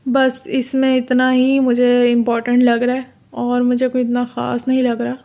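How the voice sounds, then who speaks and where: A Pakistani woman walks students through exam material in a casual, step-by-step way. Her voice sits on the high side and stays flat, with little melody. She slows right down to read out the English terms. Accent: Pakistani Urdu. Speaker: tutor. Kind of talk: exam-prep lecture.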